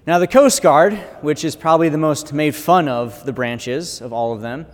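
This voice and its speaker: American priest in a cathedral-like echo. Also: male voice, a little high. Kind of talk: liturgical Gospel reading and conversational homily. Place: large church interior. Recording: echoing church, long cathedral-like reverb.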